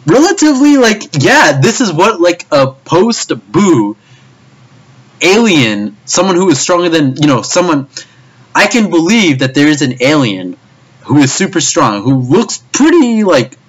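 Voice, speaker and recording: A man's voice: fairly high pitch, big pitch swings, a little slow, breathy edge. A man giving an anime review as a frustrated, profane rant, stammering and repeating himself as he goes. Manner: frustrated, stammering, swears often.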